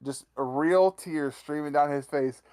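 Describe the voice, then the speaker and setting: A man's voice: on the high side, slow, clean tone. A man co-hosting a sports podcast, teasingly retelling stories about his friend. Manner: teasing, animated anecdote-telling. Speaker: podcast co-host. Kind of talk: casual sports chat.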